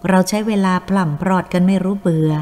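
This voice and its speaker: A woman reads a story aloud at a steady, measured pace. Her voice sits low and sounds mellow. A long reverb tails each line, with faint music underneath. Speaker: narrator. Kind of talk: audiobook story reading.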